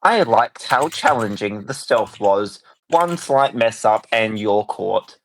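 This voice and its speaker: A man putting on a deadpan male AI robot persona, talking in a slow, flat robot voice and saying beep boop. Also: lowish voice, poor audio. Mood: robotic.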